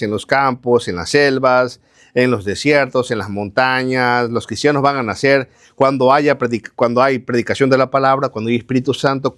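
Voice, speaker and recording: A man preaching a sermon, asking questions and answering them himself, repeating phrases in lists, speaking straight to his listeners. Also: mid-range voice. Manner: addresses listeners directly.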